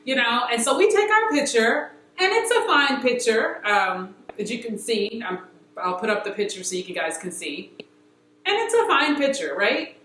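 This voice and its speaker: A woman telling a story to camera in a casual chat, animated and full of fillers, acting out what people said. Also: a little high, moderate pace, roomy sound, a little hiss or hum, rough recording. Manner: animated, acts out quotes with filler words.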